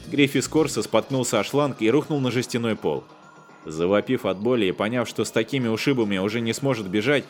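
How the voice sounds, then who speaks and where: A male narrator reads a comic space story with a wry, even storytelling voice. His pitch sits in the middle range. Quiet music plays underneath. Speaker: audiobook narrator. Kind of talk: scripted narration.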